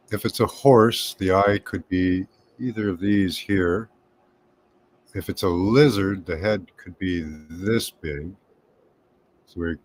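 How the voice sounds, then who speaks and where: Deep-voiced man musing aloud. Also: a little hiss or hum. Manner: thinking aloud, tentative, with pauses and hums. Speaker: remote viewing presenter. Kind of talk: musing commentary over images.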